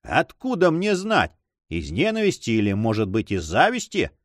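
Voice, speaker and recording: A man's voice: mid-range voice, wildly swooping pitch, moderate pace, no echo, studio quality. A man voicing a furious, haughty count. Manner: commanding, threatening. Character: proud, hot-tempered male nobleman, a count. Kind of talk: audiobook reading.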